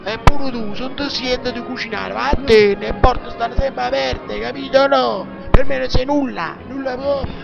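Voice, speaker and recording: A man's voice: extremely high pitch, normal speed, creaky, few pauses, exaggerated voice. A man playing a furious, foul-mouthed head chef in a comic parody dub, scolding in thick Neapolitan dialect with a strong Neapolitan accent. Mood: contemptuous. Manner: scolding, exasperated, heavy dialect and swearing. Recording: muffled lo-fi audio with loud music.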